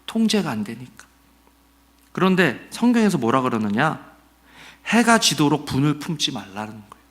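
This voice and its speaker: This middle-aged man's Sunday sermon moves at a normal speed, his voice pitched on the high side. Animated and conversational, the pastor asks his congregation questions and performs the quotes he cites.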